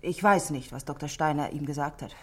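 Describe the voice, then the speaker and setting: A low-pitched actress speaks briskly in a 1960s German radio play as a composed, middle-aged married woman. Polite and articulate, she confides her worries in an earnest, worried mood.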